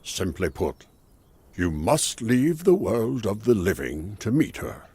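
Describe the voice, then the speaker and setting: A wise male mage in a game cutscene, calm and patient. His voice is very low and husky, with lively swings of pitch. He explains in a measured, steady way. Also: no echo, full character voice. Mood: explaining.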